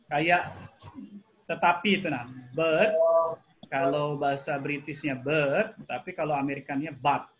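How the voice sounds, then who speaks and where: Male English teacher with an Indonesian accent, patient and full of questions for the class, higher voice, faint noise behind. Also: fairly even intonation, moderate pace, pauses often, a bit bright, low-quality recording. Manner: patient, asks students questions often. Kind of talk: online class lesson.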